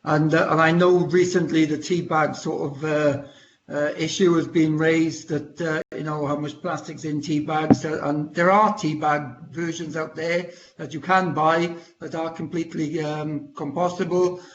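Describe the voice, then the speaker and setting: A man speaking over a glitchy video call that keeps breaking up, the sound muffled with a faint hiss underneath. His voice sits a bit high for a man. He answers haltingly, stopping and restarting around his ums. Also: flat delivery. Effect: glitchy, breaking-up video call audio. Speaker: council deputy leader. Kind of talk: answering questions in an online council meeting.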